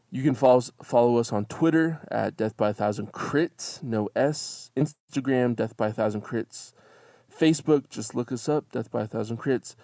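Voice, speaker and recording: A man's voice: medium pitch, creaky, dark tone, no room sound, clean studio sound. A man talking casually to listeners as host of the podcast, friendly and a little rambling.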